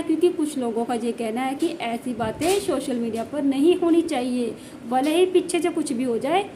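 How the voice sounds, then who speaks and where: A high-pitched woman from the Jammu region tells a family story on her home vlog. She talks in a casual way and says things twice to drive them home. A faint hiss sits under her voice. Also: darkish tone. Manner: emphatic, repeats phrases for stress. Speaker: village housewife vlogger.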